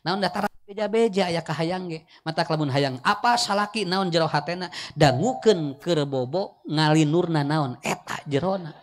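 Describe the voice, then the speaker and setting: A man with a Sundanese accent preaching a humorous Islamic sermon, swinging between loud, high emphasis and quiet asides, often chuckling. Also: normal speed, hardly any pauses, slight background noise.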